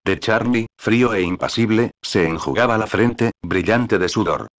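A man narrating an audiobook in an even, deliberate storytelling manner. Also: lowish voice.

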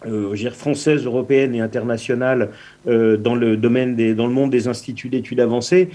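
Formal, halting man with a mellow voice. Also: medium pitch, steady tone. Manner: formal, halting, many repeated words. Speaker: network director. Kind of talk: formal address by video.

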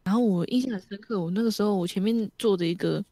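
A woman chatting casually, ending her sentences with soft trailing fillers. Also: mid-range voice, quick pace, no echo. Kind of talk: casual group chat.

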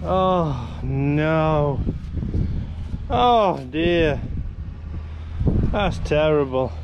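A man's voice: on the high side, lively intonation, extremely slow, muffled recording. A man, chatting wryly as a farmer vlogging from his tractor. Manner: chatty, wry, self-deprecating. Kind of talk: casual vlog narration. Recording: engine noise behind. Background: tractor engine.

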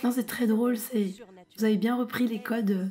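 A woman's voice: a little high, fairly even intonation, brisk, warm tone. A woman guest in a casual commentary chat, recovering from illness with her voice nearly gone, teasing and playfully complaining.

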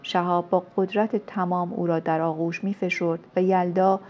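A woman narrating a romance novel in a measured storytelling manner, as an audiobook reader. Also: on the low side, little pitch movement, faint music behind. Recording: dull lo-fi recording.

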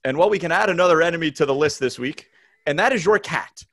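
A man's voice: on the high side, quick pace, a bit bright, no echo. A man co-hosting a podcast from a small home studio room, bantering in a teasing, mock-outraged way. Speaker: podcast co-host. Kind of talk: casual chat.

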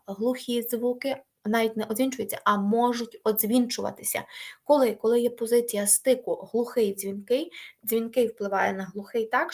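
A young woman leads a language lesson, patient and repetitive, asking students to repeat after her. Her voice sits a little high with a breathy, husky edge. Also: darkish tone. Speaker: Ukrainian language teacher.

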